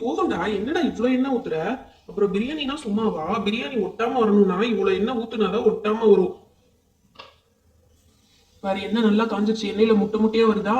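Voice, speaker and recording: A man's voice: high voice, darkish tone. A man voicing dolls in a comedy show, bossy and teasing as he explains cooking. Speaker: doll-show voice performer. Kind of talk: playful doll-show voice acting. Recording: echoey, distant mic.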